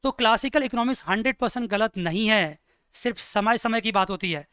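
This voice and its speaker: A male teacher gives an economics lecture in a crisp, clear voice, pitched high for a man. He keeps asking the class questions and slows down to dictate notes. The recording is dry and close. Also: dry recording. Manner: lively, asks students questions.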